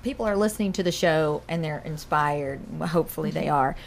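A woman's voice: low-pitched, a little fast. A woman co-hosting a talk show, asking questions in a casual, conversational style. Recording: clear background noise.

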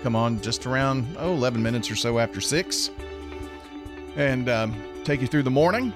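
A man's voice: mid-range voice, moderate pace, music in the background. A middle-aged man, hosting a morning radio show in easygoing, rambling banter from a studio microphone. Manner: easygoing, rambling with many ums.

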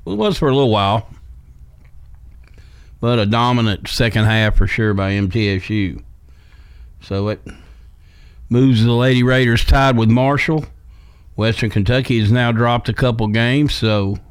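A man's voice: medium pitch, smooth, no echo. An American man hosting sports radio, talking casually and off the cuff in short, clipped remarks. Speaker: sports talk show host.

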